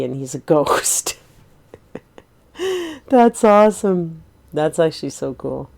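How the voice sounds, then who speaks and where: A woman's voice: deep voice, creaky, dark tone. A woman in her forties chatting in a rambling, easygoing way while streaming a game, laughing easily. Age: 40s. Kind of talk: casual gameplay chat.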